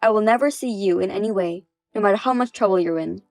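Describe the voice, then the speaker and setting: Synthetic female storyteller, firm and matter-of-fact, mid pitch, dry close sound. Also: fast, darkish tone, dry recording, soft background music. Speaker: narrator and mother. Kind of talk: text-message story reading.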